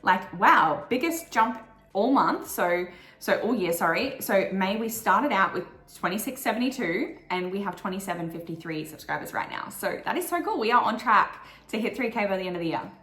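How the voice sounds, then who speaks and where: A young adult Australian woman vlogger, voice croaky from morning, runs through her monthly goals in a casual, upbeat, animated way with lots of "like" fillers. Her voice is medium-pitched and a bit bright, at a moderate pace, recorded in an echoey room.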